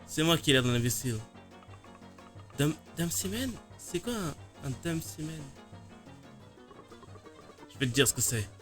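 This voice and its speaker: A man's voice: on the high side, fairly bright tone, close to an everyday voice. A man putting on a ranting English-accented sailor. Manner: exasperated, ranting. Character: grumbling male sailor, put-on English accent.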